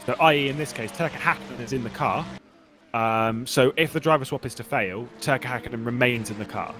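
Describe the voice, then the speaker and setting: Chatty race commentator, casual and joking, mid-range voice, audible noise behind. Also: male voice, medium pitch, a little fast. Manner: chatty, laughing, many restarts. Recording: steady background noise.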